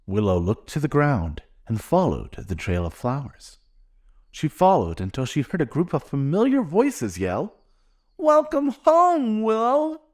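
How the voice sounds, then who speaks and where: Man, children's storybook narration, slow, lively melodic delivery. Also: medium pitch, slightly rough. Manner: gentle expressive read-aloud.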